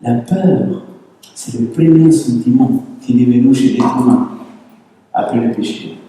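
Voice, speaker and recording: Spanish-accented pastor in an echoey hall. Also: male voice, mid-range voice, measured pace, warm tone. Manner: conversational preaching with rhetorical questions. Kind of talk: sermon. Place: church hall. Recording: echoey church hall, distant mic.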